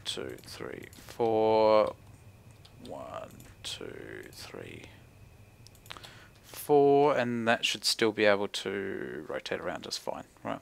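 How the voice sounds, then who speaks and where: A man's voice: on the low side, sing-song, drawn-out words, gravelly. A young man with a broad New Zealand accent, thinking aloud casually as he commentates on his gameplay, laid-back and slangy with mumbled asides. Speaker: gaming video creator. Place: indoor room at home.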